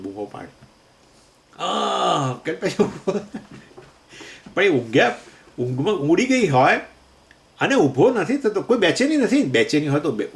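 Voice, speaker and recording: Chanting Sanskrit verses slowly, this Vedanta teacher explains scripture through everyday examples and answers questions he raises himself. He has a fairly high, gravelly voice, with a little hiss or hum in the recording.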